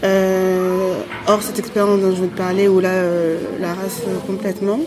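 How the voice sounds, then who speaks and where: A woman's voice: medium pitch, level tone, normal speed, background noise. A woman, a podcast guest, talks casually and hesitantly with many fillers. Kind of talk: casual conversation.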